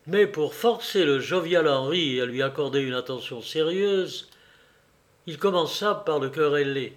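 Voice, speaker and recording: Male audiobook narrator, deliberate and unhurried, slightly high pitch. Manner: measured, deliberate reading.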